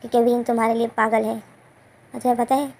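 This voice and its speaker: Gravelly woman retelling a story. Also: on the high side, level tone, fairly quick, a little mellow. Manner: rambling, self-correcting.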